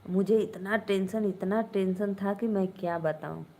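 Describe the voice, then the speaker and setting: A woman's voice: medium pitch, moderate pace, mellow, a little hiss or hum. A young woman with an Awadhi-tinged Hindi accent hosting a casual live stream, chatting with viewers and answering their comments.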